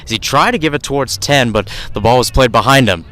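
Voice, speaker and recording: Calling a soccer match live on radio, a man with a medium-pitched, fairly bright voice briskly narrates the play as it unfolds. His running description is full of self-corrections made partway through phrases.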